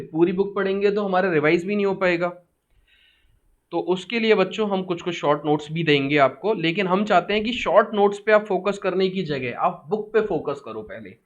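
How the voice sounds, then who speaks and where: Male chemistry teacher in a live class, high-pitched, repeats answers back, muffled lo-fi audio. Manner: quizzes students, repeats key answers, mixes English terms.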